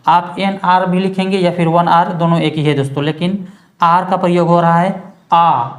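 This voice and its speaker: A man's voice: sits high, fairly even intonation, normal speed. Guy doing a grammar lesson, drags out example sentences word by word, keeps calling everyone friends. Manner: keeps addressing viewers as friends. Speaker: English teacher.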